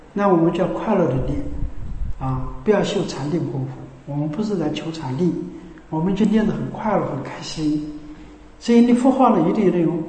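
A man giving a colloquial Buddhist talk, teaching how to chant and sometimes chanting phrases to show it. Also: high-pitched. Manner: lively, demonstrates by chanting phrases. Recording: echoey hall reverb.

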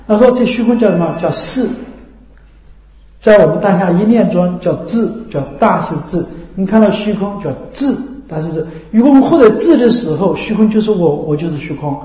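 A man's voice: expressive, a little fast, warm tone, roomy sound, low-quality recording. A man giving a Buddhist dharma talk, often asking "right?", his voice rising and dropping. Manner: rhetorical, keeps asking "right?"; swings between raised and dropped pitch and volume. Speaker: Buddhist teacher.

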